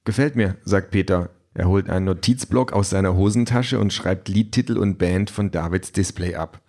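A man narrating an audiobook in a measured, wry storytelling manner. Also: low voice, mellow.

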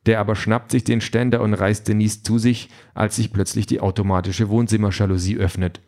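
A male narrator reads a story in a steady, dry tone. His voice sits a little low, and he keeps an even, unhurried delivery. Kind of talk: audiobook narration.

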